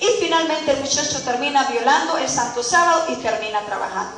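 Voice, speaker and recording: A woman's voice: high-pitched, a little fast, a bit bright, recorded from a distance. A woman preacher telling a story in a sermon, acting out the dialogue of its characters. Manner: acts out dialogue, shifting voices for each character. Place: church sanctuary. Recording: echoey church hall.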